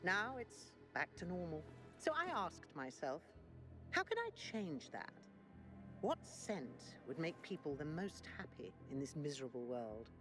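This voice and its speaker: In a video game cutscene, an actress voices an eccentric middle-aged perfumer, savouring each word with dreamy, theatrical grandeur and an enthusiastic mood. Her pitch swings widely at a measured pace, with music clearly audible in the background.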